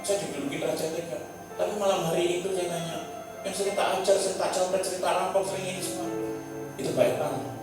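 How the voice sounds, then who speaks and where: Forties guy, high-ish voice, testifying from far off in a big echoey hall w music. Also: steady tone, fast talker. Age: 40s. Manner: fervent, rising and falling between loud and hushed. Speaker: church testimony speaker. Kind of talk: emotional personal testimony. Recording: echoey hall, distant mic, music behind.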